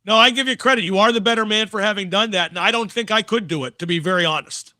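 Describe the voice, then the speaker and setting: A man's voice: high voice, fast talker, bright, forceful tone. A man interviewing someone conversationally, speaking in an emphatic, candid way. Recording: reverberant hall.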